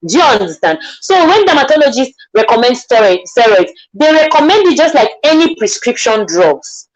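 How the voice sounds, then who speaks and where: A Nigerian makeup artist explains things earnestly in a live online interview, repeating herself and often asking "do you understand" to check she is being followed. Her voice is high, very animated and fairly quick, and the audio is dull.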